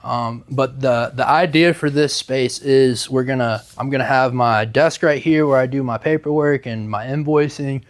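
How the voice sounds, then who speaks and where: A man's voice: mid-range voice, normal speed, few pauses. A young man giving a casual, upbeat walk-through tour in a laid-back way, talking like a vlogger. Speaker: small microgreen business owner giving a tour. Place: inside a large warehouse building.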